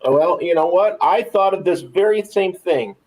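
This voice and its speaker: A man's voice: high-pitched, normal speed, darkish tone, rough recording. Guy cohosting a sports pod, upbeat and encouraging, just chatting. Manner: enthusiastic, encouraging. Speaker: podcast co-host. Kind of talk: casual sports chat.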